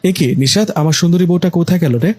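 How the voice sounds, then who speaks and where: A bossy middle-aged mother, put on by a man in a storybook tale, scolding and pushing for the wedding. The voice is husky and a touch high, dry and close. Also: fast talker, a little mellow, no echo, lightly acted. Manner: scolding, pushy.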